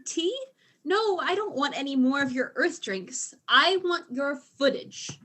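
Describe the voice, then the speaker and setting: A woman's voice: high voice, lively intonation, unhurried, fairly bright tone. A woman voicing a tipsy, flustered female alien diplomat who is secretly a spy, in a student audio drama, rambling and tripping over her words. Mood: giddy.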